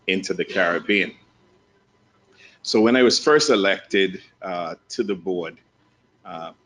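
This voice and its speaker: Deep-voiced man from the Bahamas. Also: fairly bright tone. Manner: measured, with restarts and fillers. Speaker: panel speaker. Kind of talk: conference talk.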